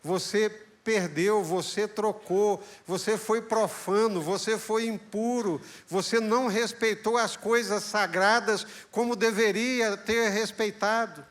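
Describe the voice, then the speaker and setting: A man's voice: sits high, fairly even intonation, takes it slowly, few pauses, a bit bright, voice pushed up. A man voicing an old father who speaks tenderly but firmly to his son. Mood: sorrowful. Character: old father, gentle and sorrowful.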